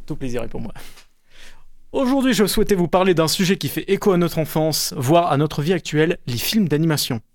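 A man's voice: on the high side, lively intonation, normal speed, dry recording, studio quality. Young man giving an eager radio film column. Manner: enthusiastic and candid, occasional stumbles. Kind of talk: radio column, partly scripted. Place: radio studio. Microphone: studio microphone.

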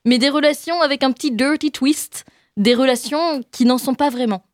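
A woman's voice: sits high, normal speed, dry recording, studio quality. Chatty self-mocking young Frenchwoman. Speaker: radio columnist. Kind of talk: comic monologue column.

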